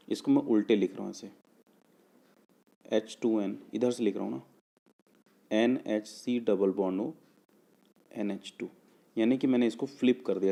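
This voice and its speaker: A man with a low, mellow voice teaches a chemistry lesson for exam preparation. He works through each step patiently, poses questions and answers them himself, and stretches out formulas piece by piece. He stops often to check whether the students have understood. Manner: explains step by step, often asks and answers his own questions; checks understanding with "clear?" and "okay".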